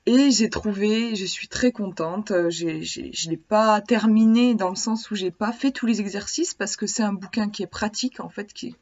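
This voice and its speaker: A woman vlogger chats to the camera about a book she likes. She sounds eager and keeps hesitating and starting sentences over. Her voice sits at an ordinary pitch for a woman, and the recording is slightly dull and lo-fi. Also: moderate pace, few pauses, darkish tone. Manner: hesitant, many restarts, chatty and eager. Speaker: vlogger reviewing a divination book. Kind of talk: casual vlog talk to camera.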